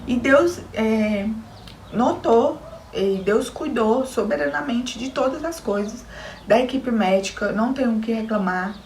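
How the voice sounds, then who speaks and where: Speaking a little slowly in a fairly high, darkish voice, a young Brazilian woman tells her viewers her story as a new mother, with earnest emotion and a Brazilian Portuguese accent. An echoey room and a little hiss or hum color the sound.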